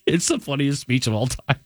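A man's voice: mid-range voice, wildly swooping pitch, normal speed, dry recording. A man co-hosting a radio show, telling a story and laughing as he talks. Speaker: radio co-host. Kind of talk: casual radio banter.

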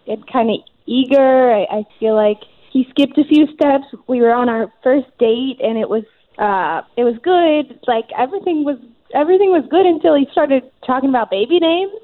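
A young woman speaks over a thin, phone-like line, her voice sitting a bit high for a woman. She talks hesitantly, hedging and filling gaps as she goes. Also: normal speed. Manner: hesitant, hedging, many fillers. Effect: heard over the phone. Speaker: radio call-in guest. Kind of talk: casual chat.

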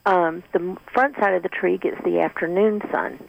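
A woman's voice: fairly low pitch, fairly even intonation, normal speed, gravelly, a little hiss or hum. A woman calling in to a radio show over the phone, polite and careful, explaining in detail and addressing the host as sir. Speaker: caller. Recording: muffled phone line on radio.

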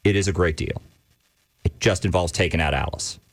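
A man's voice: low-pitched, moderate pace. A man hosting a radio call-in segment, playful and teasing, laughing often. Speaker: radio host.

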